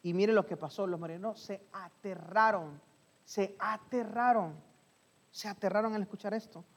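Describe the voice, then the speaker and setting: A preacher delivering a sermon, telling a story with lively build-ups and repeated phrases for emphasis. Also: mid-range voice, normal speed. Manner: animated storytelling, rising to loud emphatic peaks.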